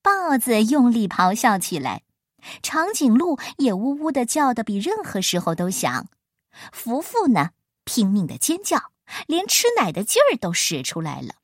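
A woman reads a children's picture book aloud in a playful, expressive way, her voice swooping high and low. Her voice sits a little high and is recorded close and dry. Gentle music plays faintly underneath. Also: measured pace, dry recording. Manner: playful, expressive, rising and falling voice. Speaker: storyteller.

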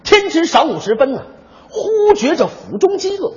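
A man performing comic crosstalk, telling an old hero story with an animated storyteller's delivery and sputtering when flustered. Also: extremely high pitch, normal speed. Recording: dull sound with long hall reverb.

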